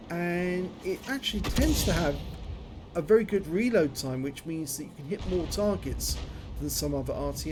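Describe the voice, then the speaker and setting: A man's voice: fairly high pitch, a little mellow, a little hiss or hum. A man giving running commentary on a video game, his speech slightly impeded by a numb, toothache-swollen jaw. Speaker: gameplay commentator.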